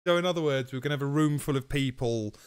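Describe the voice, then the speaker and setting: A man's voice: mid-range voice, fast, a crowd in the background. A man co-hosting a podcast, chatting casually and rambling with frequent laughs. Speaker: podcast co-host. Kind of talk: casual chat.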